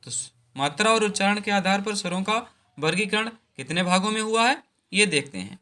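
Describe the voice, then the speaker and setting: A man's voice: high-pitched, expressive, normal speed, bright, forceful tone. A man teaching a Hindi grammar lesson, repeating each point and drawing out the vowel sounds.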